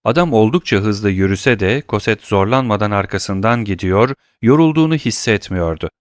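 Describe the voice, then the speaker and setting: A man reading an audiobook in a steady, even narration. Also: lowish voice, normal speed, no room sound, studio quality.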